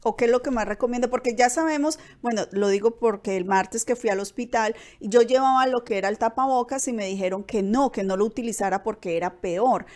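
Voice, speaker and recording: A woman's voice: fairly high pitch, brisk, hardly any pauses, darkish tone. A middle-aged woman hosting a live web TV interview from a small studio, asking questions with many fillers and restarts. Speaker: host. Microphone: headphones and studio microphone.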